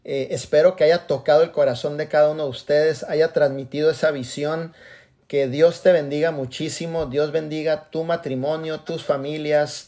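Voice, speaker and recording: A man in his forties giving an animated motivational talk to his team over a video call, blessing his listeners. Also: on the high side. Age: 40s. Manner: animated, acts out quoted voices, blesses listeners. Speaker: motivational business speaker.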